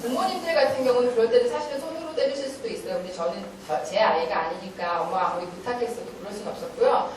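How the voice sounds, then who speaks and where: A woman's voice: a little high, rapid-fire, few pauses, far from the mic, slight background noise. Woman talking in an echoey hall. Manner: animated storytelling, acting out stern scolding, often laughing. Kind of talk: lecture-style talk with acted quotes.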